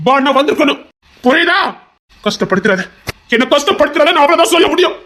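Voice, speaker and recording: Man acting obsessive young doctor lover, Tirunelveli Tamil accent, pleading and threatening, fast. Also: extremely high pitch, lively intonation, a bit bright. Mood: anguished. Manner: pleading, insistent, turning threatening. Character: young male heart doctor, desperate possessive lover. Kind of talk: audio drama acting.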